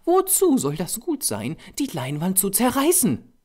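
A man's voice: wildly swooping pitch, unhurried, a little mellow, full character voice. A man voicing a young female artist's model who scolds and teases in a raised voice. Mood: scolding. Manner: high, scolding and teasing.

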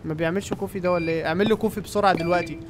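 A young man with an Egyptian Arabic accent giving excited running commentary on a game and talking to his viewers. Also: sits high, rapid-fire, a little hiss or hum. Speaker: gaming YouTuber. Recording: game music playing behind.

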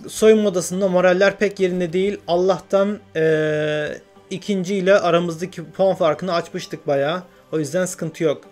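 A young man narrating his football video game career, talking to himself and shouting at the play. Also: high-pitched, steady tone, normal speed, few pauses. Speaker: gaming YouTuber. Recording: game music clearly under the voice.

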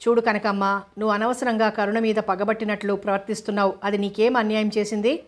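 A woman voicing a kind, gentle orphanage warden, soothing and patient. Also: mid-range voice, level tone, fast talker, close to an everyday voice.

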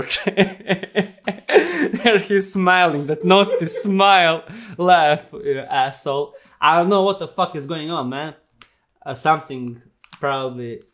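A man's voice: on the high side, a bit bright. A young man, a non-native English speaker, chatting casually and with plenty of swearing as the host of a reaction vlog. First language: not English. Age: young adult. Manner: profane, giggly, informal. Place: small home studio, indoors.

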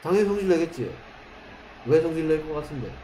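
A man's voice: a little high, lively intonation, warm tone. Man teaching English in an echoey classroom. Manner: questioning, drills students with rhetorical questions; reads English examples slowly, word by word. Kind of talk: classroom grammar lesson. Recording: echoey classroom with faint noise.

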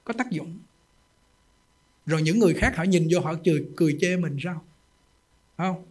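A man preaches as a Buddhist monk, telling homely stories and tossing out rhetorical questions. His voice sits fairly high for a man and carries a husky grain. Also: moderate pace, darkish tone. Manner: emphatic, folksy storytelling with rhetorical questions. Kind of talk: sermon.

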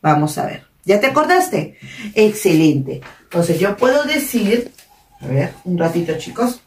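A woman's voice: on the low side, very animated, a little slow, darkish tone. A woman with a Peruvian Spanish accent, a primary school teacher reviewing a lesson for young pupils, encouraging and praising often. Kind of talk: recorded online class review. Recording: echoey room, mic at a distance.

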